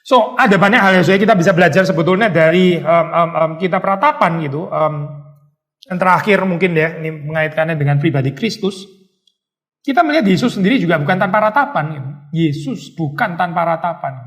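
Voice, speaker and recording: A male pastor leads a Bible study in an easy, conversational way. His voice sits high and he keeps it animated, dropping English words into his talk. Now and then he acts out a stern little scolding line. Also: fairly quick.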